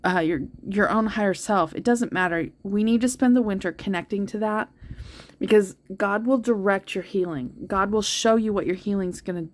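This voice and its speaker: A woman's voice: mid-range voice, normal speed. A woman giving a heartfelt tarot reading, talking earnestly and directly to her listeners. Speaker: tarot reader. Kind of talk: spiritual tarot reading to viewers.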